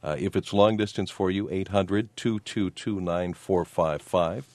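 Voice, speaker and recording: Smooth male radio host with a deep voice, dry close studio mic, relaxed call-in show delivery. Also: a little slow, no room sound. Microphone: studio microphone.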